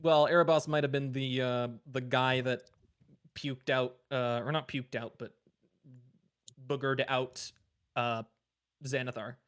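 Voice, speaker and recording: A man's voice: mid-range voice, fairly even intonation, a little slow, pauses often, fairly bright tone, smooth. A man game master narrating a tabletop game, rambling with many fillers.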